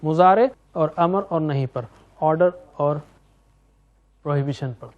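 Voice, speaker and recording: A man's voice: on the high side, lo-fi sound. A middle-aged man teaching Quranic Arabic grammar, chanting verb forms in rhythmic drills and explaining them in sprinkled with English words. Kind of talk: classroom lecture with drills.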